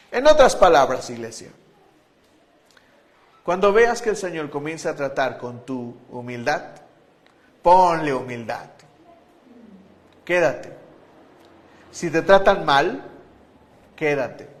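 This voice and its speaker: A pastor preaching a sermon to his church, emphatic, shifting between loud declarations and hushed appeals. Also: fairly high pitch.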